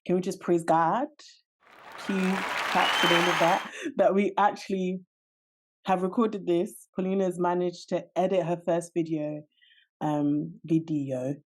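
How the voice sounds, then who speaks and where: A woman in her late twenties with a notably low voice, co-hosting a podcast. She talks in a relaxed, chatty way and laughs easily. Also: a little slow, a faint crowd. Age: 20s. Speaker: podcast co-host. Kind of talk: casual chat.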